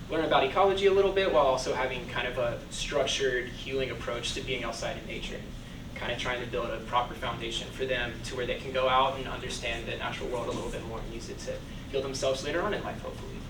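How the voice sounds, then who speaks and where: Man, 20s, from Georgia, casual volunteer intro, relaxed and halting; recorded far off in an echoey room. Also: medium pitch. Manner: relaxed, hesitant with frequent fillers. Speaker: AmeriCorps volunteer. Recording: echoey room, distant mic, background noise.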